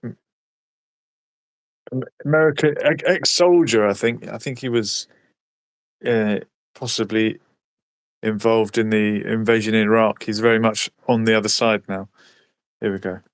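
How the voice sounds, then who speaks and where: A man's voice: on the low side, steady tone, measured pace, long pauses, no echo. A man from West London with a London accent, chatting casually and hesitantly, with many ums and restarts. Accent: London English. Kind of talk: casual chat.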